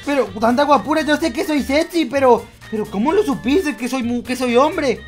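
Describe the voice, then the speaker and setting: A woman's voice: high-pitched, moderate pace, faint music behind. A woman hosting a comic game role-play, talking in a dramatic, panicky, whiny way. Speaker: roleplay channel host.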